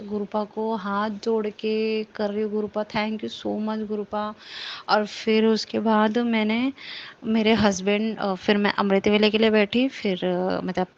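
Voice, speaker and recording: A young woman sharing an emotional personal testimony, speaking earnestly and from the heart, often pausing on fillers and restarting her sentences. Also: a little high, dull audio.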